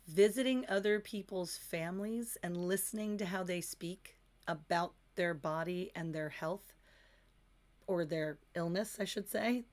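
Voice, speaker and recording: A woman teaching manifestation in a casual, candid, conversational way, with a touch of self-deprecation. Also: on the low side.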